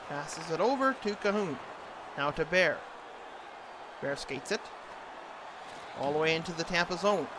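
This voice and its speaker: A man doing an amateur announcer impression, giving hockey play-by-play commentary in short clipped phrases. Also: a little high. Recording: clearly noisy, ambient background noise.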